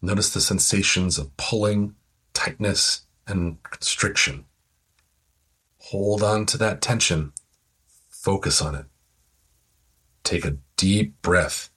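Man, deep voice, very smooth tone, slow soothing relaxation guide. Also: fairly bright tone. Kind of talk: guided progressive muscle relaxation.

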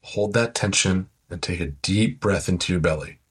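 A man slowly guiding a listener through a progressive muscle relaxation exercise with soothing, calm instructions. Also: low-pitched, breathy edge. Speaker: relaxation guide.

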